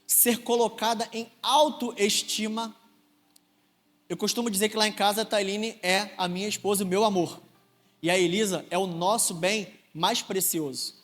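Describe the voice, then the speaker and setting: High-voiced Brazilian deacon in reverberant church. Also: male voice, fairly bright tone. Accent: Brazilian Portuguese, Rio de Janeiro. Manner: earnest, personal storytelling with rising emphasis. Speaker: deacon preaching. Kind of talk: sermon. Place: large church hall.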